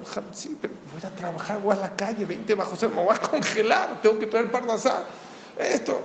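A man's voice: high voice, a little fast, roomy sound, big-room sound, a little hiss or hum, pitched above the performer's own voice. A man voicing a protesting working husband in a sermon story. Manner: protesting, insistent. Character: working husband arguing about the coat.

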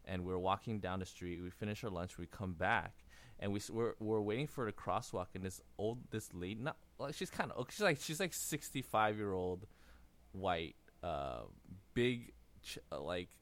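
A man's voice: lowish voice, expressive, moderate pace, fairly bright tone. A man in his twenties hosting a casual podcast, telling a story in rambling fashion with lots of fillers and laughs. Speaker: podcast host.

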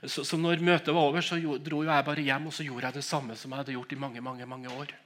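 A man's voice: mid-range voice, little pitch movement, a bit bright, a little hiss or hum. A middle-aged man preaching and telling his own conversion story, with emotional storytelling, stammering restarts and frequent laughs. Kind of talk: sermon with personal testimony.

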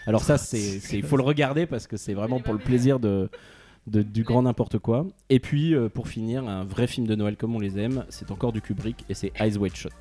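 A man's voice: lowish voice, moderate pace, mellow. A man in casual chat, presenting a film quiz column and listing facts about films. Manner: informative, lists film facts.

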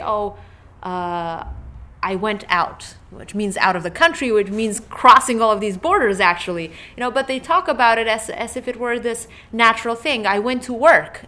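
A woman's voice: medium pitch, pushed and bright. A woman, a political science professor thoughtfully answering podcast interview questions with many fillers and restarts. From Romania.

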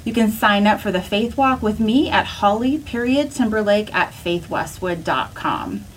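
A woman delivers a church welcome and announcements in a mid-pitched voice. Faint background noise and ambience sit behind her speech. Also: moderate pace, rough recording. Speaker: church discipleship director.

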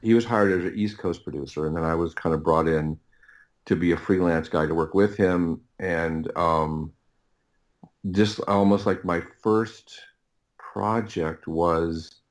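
A middle-aged man with a low, steady voice, a writer and audio producer guesting on a podcast, shares rambling anecdotes. He speaks haltingly and repetitively, regularly doubling back and cutting off his own phrases.

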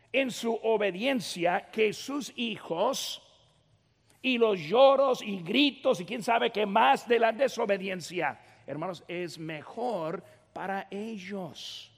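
High-voiced gravelly preaching man. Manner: preaching with rising emphasis and direct address to the congregation. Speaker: pastor. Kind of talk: sermon. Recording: long hall reverb.

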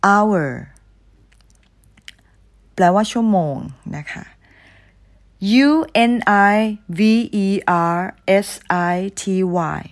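A woman teaching English grammar, explaining patiently and spelling out words letter by letter. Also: mid-range voice. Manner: patient, ends phrases with polite particles, spells letters slowly.

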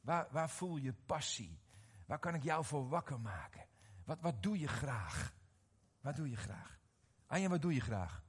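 A middle-aged man preaching a sermon, animated and often questioning his audience, repeating words as he restarts. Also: mid-range voice, a little slow, slightly rough. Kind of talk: sermon to a live congregation.

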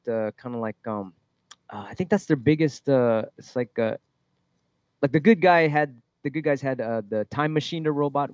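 A man, a music producer, talking in a casual interview, halting and swearing freely as he explains his tracks. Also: mid-range voice, a little mellow, dry recording, highs cut off.

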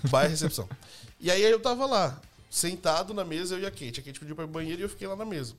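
A young man telling personal stories in a casual podcast chat, lively, laughing, and acting out the people he quotes. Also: sits high, fast. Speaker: youtuber and podcast guest.

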